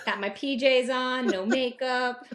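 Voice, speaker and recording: A woman co-hosts a casual podcast over a video call, slipping in jokes and laughing often. Her voice sits a little on the high side. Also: steady tone, a little slow, a bit bright. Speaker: podcast co-host.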